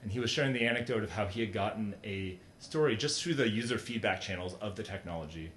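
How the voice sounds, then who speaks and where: A middle-aged keynote speaker addresses a conference in a large hall, speaking conversationally at a quick pace and stumbling over fillers and restarts. His low voice has a fairly bright tone, and the room adds a roomy echo above a faint rumble.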